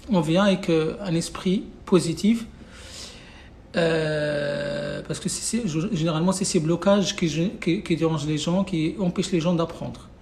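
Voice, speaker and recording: Away from home and with no whiteboard, an Arabic-speaking man teaches a live online class, casual yet insistent, repeating himself with lots of fillers and restarts. His voice sits on the high side with a darkish tone, and there's slight background noise.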